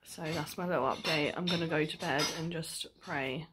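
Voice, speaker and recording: Heavy background noise surrounds this low-pitched woman, who keeps a steady tone at normal speed. In her twenties, the vlogger talks casually to her video diary from a small living room or bedroom at home, weary and nauseous with a sore jaw following dental surgery.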